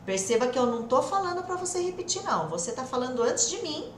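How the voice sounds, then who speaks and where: Brazilian woman teaching, high voice, echoey room. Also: fast talker. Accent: Brazilian Portuguese. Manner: lively, direct, stretches words for emphasis. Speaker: English teacher. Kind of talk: online English lesson. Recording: echoey room with faint noise.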